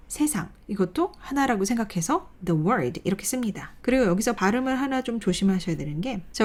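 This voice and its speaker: Animated woman teaching grammar. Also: mid-range voice. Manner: explains step by step, asks and answers her own questions; reads English example sentences slowly. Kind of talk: online grammar lecture.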